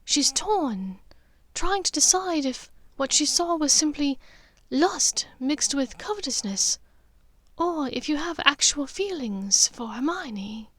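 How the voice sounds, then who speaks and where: A female narrator voices a middle-aged noble witch mother, composed and cunning, as a full, expressive character. The voice is high and often breathy, with hushed, deliberate phrasing. It's recorded close and dry with no room sound, like an audiobook.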